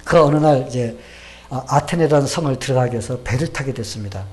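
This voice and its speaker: A man's voice: medium pitch, fairly quick, darkish tone. A male pastor preaching a sermon, telling a story and asking the congregation questions.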